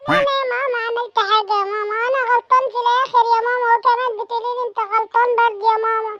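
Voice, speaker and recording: A woman's voice: very high-pitched, fairly even intonation, racing, no echo, voice pushed up. A woman voicing a timid, sulky young schoolboy who whines and pleads with his mother. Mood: whiny. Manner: whining, pleading. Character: whiny little schoolboy son, timid and sulky. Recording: lo-fi sound.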